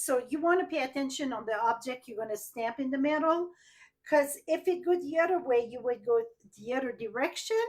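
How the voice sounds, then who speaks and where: The recording is low quality, capturing a high-pitched woman with a French Canadian accent, French being her first language. As she works through a live card-making tutorial, she chats, thinks aloud and asks viewers questions directly.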